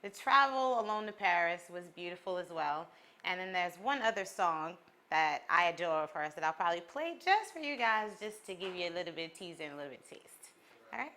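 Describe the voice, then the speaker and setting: A woman's voice: on the low side, lively intonation, fairly quick, pushed and bright. A woman hosting a show, chatting in a casual, upbeat way and laughing easily. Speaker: show host. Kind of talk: casual interview chat.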